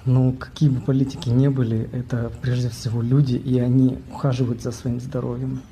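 A man in his thirties recording a low-key video message while lying in bed, speaking into an earphone mic. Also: level tone, fairly quick, mellow, a little hiss or hum. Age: 30s. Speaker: contest entrant. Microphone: earphone mic, phone close up.

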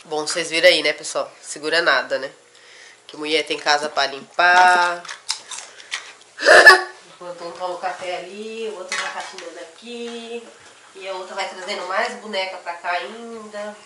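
A woman's voice: on the low side, fairly even intonation, moderate pace, noisy background. A young woman with a Brazilian Portuguese accent, a mother chatting to her viewers from home, teasing and talking straight to the camera. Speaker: vlogger and mother. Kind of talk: casual talk to camera. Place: at home, indoors.

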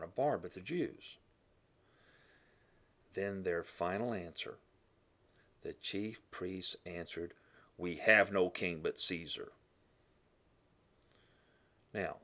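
A man teaching a Bible lesson in a classroom style, thinking aloud with fillers, correcting himself and often clearing his throat. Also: low-pitched.

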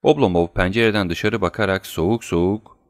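Low-voiced male audiobook narrator. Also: dry recording, studio quality. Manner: measured, even reading. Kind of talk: scripted narration.

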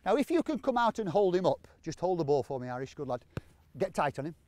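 A man coaching players on an outdoor training pitch, encouraging them and repeating short commands. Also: big pitch swings, fast talker, a little mellow, slight background noise. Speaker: football coach. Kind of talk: on-field coaching instruction.

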